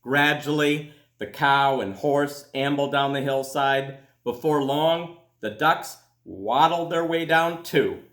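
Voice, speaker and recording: A man who works as a school principal reads a children's tale expressively, leaning on dramatic pauses and elongated words. He speaks at a fairly high pitch with a fairly bright tone, and the room echoes noticeably.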